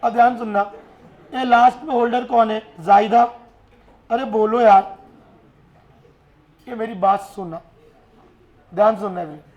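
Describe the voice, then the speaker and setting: A man teaching a class in a lively way, often urging his students to answer and mixing English terms into his speech. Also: sits high, a little slow, long pauses, highs cut off. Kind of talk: classroom lecture.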